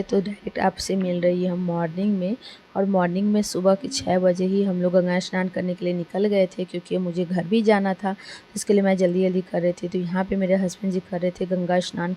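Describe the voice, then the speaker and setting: A woman's voice: fairly low pitch, warm tone, a little hiss or hum. A young woman narrating her home vlog in a chatty, rambling way with many fillers. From Kolkata, India. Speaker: vlogger. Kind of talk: casual vlog voice-over.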